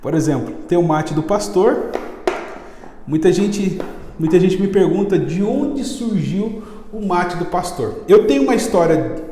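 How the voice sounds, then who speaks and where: A man with a Brazilian accent, a chess teacher chatting casually in an interview and telling stories in a lively, slangy way. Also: sits high. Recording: echoey room with long reverb.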